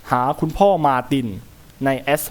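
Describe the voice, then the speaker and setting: A man commenting as he plays a horror game, talking to himself and yelping when startled. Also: measured pace. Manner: jumpy, talks to himself, yelps when startled. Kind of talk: gameplay commentary.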